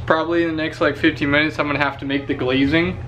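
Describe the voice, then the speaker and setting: A young man talking a viewer through cooking at home, relaxed, with lots of fillers, on a camera mic at a distance. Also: a little high, fast, a little hiss or hum. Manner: relaxed, talking while working, many fillers. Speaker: vlogger. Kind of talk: casual cooking narration. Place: home kitchen, indoors.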